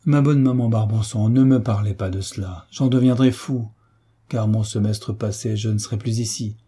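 A man voicing a kind, earnest young soldier who speaks gently and reasonably. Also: fairly low pitch, steady tone, normal speed, slightly rough. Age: young adult.

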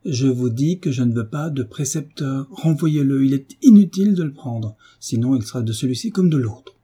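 A man's voice: mid-range voice, normal speed, warm tone, breathy edge, natural voice. A man reading a novel aloud, voicing a sulky, hot-tempered teenage boy who defies his mother. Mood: sullen. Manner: sulky and defiant.

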